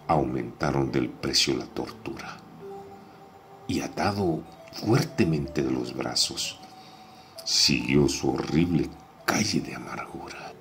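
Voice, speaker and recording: A man's voice: rumbling low, gravelly, a bit bright, slight background noise. A man reciting a dramatic narrative poem in a theatrical, declamatory style. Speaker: poetry reciter.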